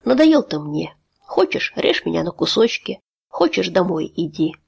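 A woman voicing a tired, secretive young man who speaks quietly and cuttingly. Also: fairly low pitch, very animated, normal speed, creaky, husky, full character voice. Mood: weary.

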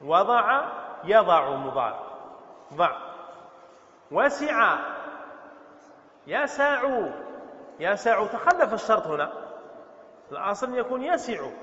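A man with a high voice teaches a grammar class in a mosque. He drills verb forms and fires short questions at his students. The recording is muffled, with a long, roomy reverb. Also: bright, forceful tone. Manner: quizzes students with quick questions. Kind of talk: Arabic grammar lesson. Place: mosque hall. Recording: echoey muffled hall recording.

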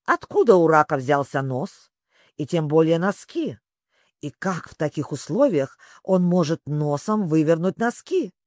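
Storybook sea creature, old male, gloomy and sighing, slow delivery, dry close sound, as the reader puts him on. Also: mid-range voice, very animated, no room sound. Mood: grumbling. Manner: mournful, grumbling.

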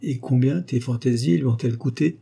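A cynical male journalist, read by a man in an audiobook, jovial on the surface and scheming beneath. He talks in a brisk, mocking, commanding way, with a dark, slightly husky tone that sits a little higher than plain narration. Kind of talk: audiobook character voice.

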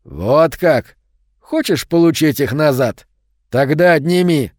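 A man voicing a hulking teenage bully who drawls slow, loud, mocking threats. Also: fairly high pitch, animated, dry recording, studio quality, pitched above the performer's own voice. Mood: menacing.

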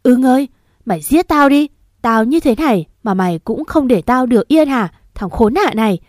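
A woman's voice: on the high side, lively intonation, moderate pace, a little mellow, no room sound, clean studio sound, voice pushed up, close to an everyday voice. A woman voicing an old, injured wife crying out shrilly in pain and despair. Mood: anguished.

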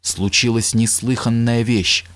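A man's voice: medium pitch, fairly even intonation, measured pace, fairly bright tone, dry recording, lightly acted. A man reading an audiobook, voicing a frail, flustered male nobleman who moans and whispers in agitation. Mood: agitated. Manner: agitated, moaning, breathless whispers.

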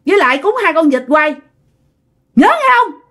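A woman's voice: high voice, big pitch swings, moderate pace, fairly bright tone, pitched above the performer's own voice. A woman voicing the angry ghost of a dead husband speaking through a neighbor woman, ranting and scolding shrilly. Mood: demanding.

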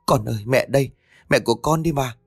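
A man's voice: medium pitch, brisk, gravelly, breathy edge, dry recording, clean studio sound, faint music behind. A man voicing an older, superstitious mother-in-law with a fretful, knowing way of talking. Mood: pleading. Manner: fretful, knowing folksy talk.

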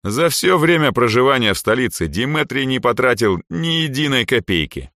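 A man's voice: mid-range voice, very animated, moderate pace, fairly bright tone, no echo, studio quality, voice pushed up. A man voicing a sly, cheerful young trickster in a storybook reading, light and knowing.

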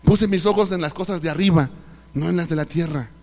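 A Mexican male pastor delivers an animated sermon, firing rhetorical questions and playing out the voices of the people he quotes. His voice sits a little high for a man. The live recording carries a long reverb from the church hall. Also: a little fast. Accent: Mexican Spanish.

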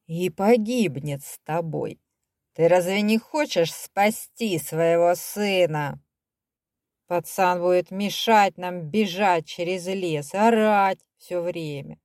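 A woman's voice: fairly low pitch, slow, darkish tone, no echo, clean studio sound. A woman voicing a cruel, scheming German baron who talks in a sneering, menacing way, read in an audiobook.

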